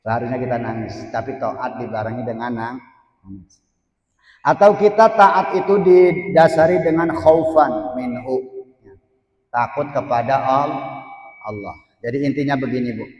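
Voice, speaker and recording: A man's voice: medium pitch, fairly even intonation, unhurried, a little mellow. A man teaching a religious text. He reads Arabic phrases, glosses each one in Indonesian, and puts questions to the women listening. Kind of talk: reading and translating an Arabic text in a study session. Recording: echoey hall with long reverb.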